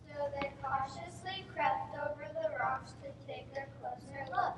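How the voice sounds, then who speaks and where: A woman giving an expressive live reading of a story on a stage, trading lines with a partner. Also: high-pitched, measured pace. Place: stage in a hall. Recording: echoey hall from far off, noisy.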